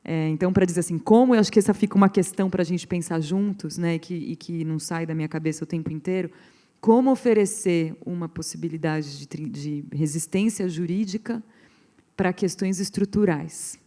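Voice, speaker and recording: A woman's voice: lowish voice, brisk, mellow. A woman lawyer with a Brazilian accent speaking on a panel, earnest and rambling, with many restarts and fillers. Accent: Brazilian Portuguese. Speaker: pro bono lawyer on a panel. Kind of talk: panel talk to a live audience.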